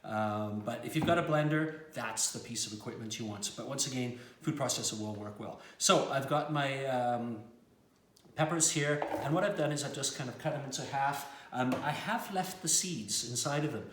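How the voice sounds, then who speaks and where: A man's voice: medium pitch, normal speed, fairly bright tone, roomy sound, slight background noise. A middle-aged man from South Africa, a chef, explains a cooking recipe step by step in a friendly way with frequent fillers, in a kitchen. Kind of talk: cooking demonstration.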